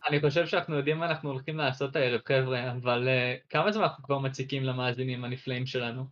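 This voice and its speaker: A man's voice: mid-range voice, fairly even intonation, a bit bright. A young man co-hosting a podcast in casual conversation, recorded with a dull sound. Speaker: podcast co-host. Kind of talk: casual chat. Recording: dull, band-limited microphone sound.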